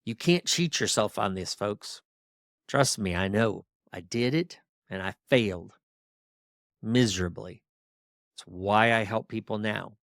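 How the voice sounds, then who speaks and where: A man's voice: lowish voice, vocal fry, fairly bright tone, no echo, studio quality. A middle-aged man hosting a podcast, coaching ministry leaders in a firm, exhorting drill-sergeant tone, firing off rhetorical questions. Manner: rapid-fire rhetorical questions. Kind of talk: podcast monologue.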